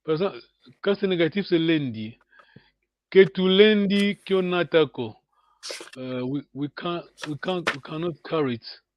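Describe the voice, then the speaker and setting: Brief: male teacher on a video call, high voice, unhurried and halting, dull dry lo-fi audio. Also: no echo. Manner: patient, hesitant, many pauses and fillers. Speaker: language teacher. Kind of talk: online language lesson.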